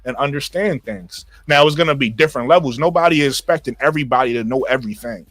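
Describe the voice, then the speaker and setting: Talking fast in a fairly bright, mid-range voice, this New York–accented guy from Brooklyn makes his points emphatically during a laid-back group chat. He keeps repeating phrases and addresses people as "bro."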